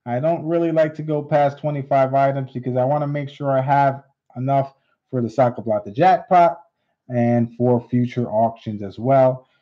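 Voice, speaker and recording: A man hosting a live coin auction, repeating bids in steady auctioneer patter. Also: mid-range voice, normal speed. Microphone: unseen, hands on camera. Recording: dull lo-fi stream audio.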